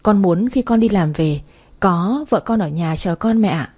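A devoted young man who stands firm against his family, as a woman narrator reads his lines. His delivery is firm and defensive. The voice is mellow and softly husky. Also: medium pitch, animated, unhurried. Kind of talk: storybook reading.

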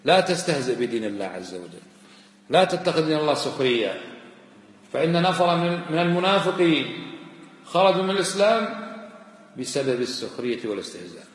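Middle-aged preacher, brisk and scolding, recorded in a roomy hall. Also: male voice, a little high, sing-song. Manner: admonishing, questions the listener directly; recites verses in a raised chanting voice. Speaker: sheikh teaching a creed text. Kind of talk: sermon-style lesson. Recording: echoey hall.

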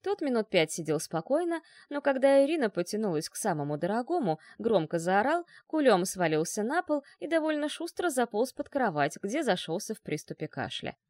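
A woman narrating an audiobook in an expressive reading. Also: fairly high pitch, fairly quick, few pauses, no echo, clean studio sound. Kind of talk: scripted narration.

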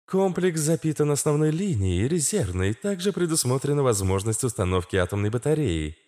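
A man voicing a calm, politely chirpy female computer system in an audiobook. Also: medium pitch, fairly quick, pitched above the performer's own voice, close to an everyday voice. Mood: even. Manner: level, chirpy machine politeness.

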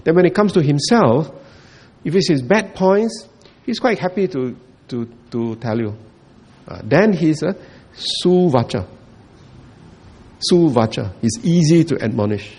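Buddhist teacher, male; gravelly, husky, mellow tone, a bit high-pitched; repetitive lecturing with frequent chuckles. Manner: repetitive, checks in with listeners, chuckles often. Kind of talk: dharma talk lecture.

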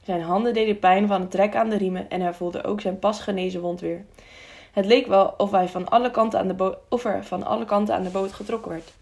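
A woman reading a children's adventure audiobook in a steady, expressive storytelling voice. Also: mid-range voice, fairly quick, creaky. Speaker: audiobook narrator. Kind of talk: audiobook narration.

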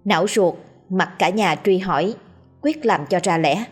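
Low-voiced woman reading a story. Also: breathy edge, faint music behind. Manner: measured, expressive reading. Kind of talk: scripted narration of a ghost story.

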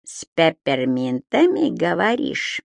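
A woman's voice: deep voice, huge pitch swings, slow pace, creaky, no echo, exaggerated voice. Woman doing a scheming, pompous male official. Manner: curt, commanding, falsely polite.

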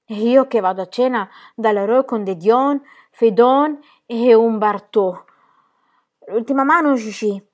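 A woman's voice: on the high side, measured pace, pitched above the performer's own voice, close to an everyday voice. A woman reading an audiobook, voicing a weary but good-humoured young man who teases as he plays cards. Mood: teasing. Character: weary, fond young man, card player.

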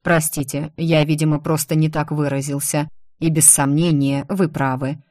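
A woman reading the part of a stern imperial prince in an audiobook, with clipped, unhurried lines. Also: deep voice, level tone, a little mellow, no room sound, clean studio sound, natural voice. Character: stern imperial prince, grown man, commanding.

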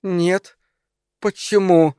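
A shrill, anxious middle-aged wife, as a male reader puts her on, her voice climbing high and tight as she strains to stay polite. The recording is close and dry. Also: normal speed, darkish tone, no room sound, lightly acted. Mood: forced politeness.

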